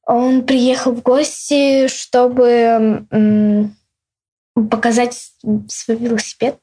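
A pupil answering a teacher's questions slowly and hesitantly, pausing often to search for words. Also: female voice, fairly high pitch, level tone, mellow. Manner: slow, hesitant, with many pauses and fillers.

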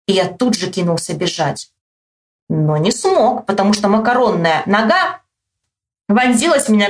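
Lively woman reading a story aloud. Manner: acts out the boy's shouts with big jumps in pitch. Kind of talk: expressive read-aloud with quiz questions.

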